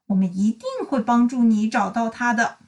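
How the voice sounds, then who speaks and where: A woman voicing a scatty, excitable little lady from a children's storybook, with a dramatic, naive eagerness. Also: a little high, moderate pace, distant mic, voice pushed down. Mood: eager.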